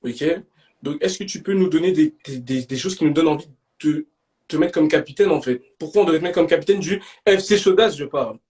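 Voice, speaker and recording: A young man hosting a live stream in casual banter, slangy and bursting into shouts. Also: a little high, a little fast.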